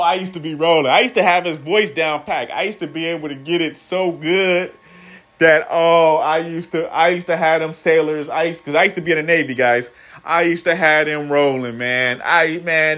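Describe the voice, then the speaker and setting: A man's voice: fairly high pitch, a bit bright. A man in his thirties, rambling through a profane motivational vlog and calling his viewers "guys". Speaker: vlogger. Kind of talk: casual motivational monologue.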